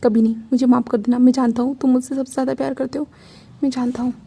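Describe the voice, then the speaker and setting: A woman voicing a steady, reassuring young man who soothes and gently scolds. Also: high voice, quick pace, slightly rough. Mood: soothing. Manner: soothing and firm. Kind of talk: fan fiction storytelling.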